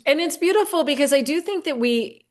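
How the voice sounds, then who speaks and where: A middle-aged woman, a podcast guest who also hosts her own show, talks earnestly in a casual conversation, speaking in affirmations and often restarting sentences. Her voice is high, animated, fairly quick, and darkish in tone.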